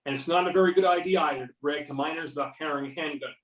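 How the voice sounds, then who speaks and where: Here a man voices a cocky, sardonic FBI agent in an amateur readers-theater performance, needling and stern as he asks pointed questions. The delivery is rapid-fire and lightly acted, his fairly high voice a bit bright. Recorded over a videoconference or conference call, it sounds distant with room echo.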